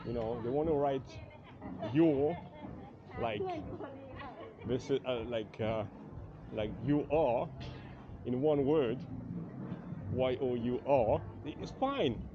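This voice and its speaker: This French-accented travel vlogger from France strolls a night market outdoors, joking, chatting and rambling self-deprecatingly with plenty of fillers, his medium-pitched voice set against background noise. A carried 360 camera mic yields a dull lo-fi street recording thick with crowd and street ambience and passing vehicles.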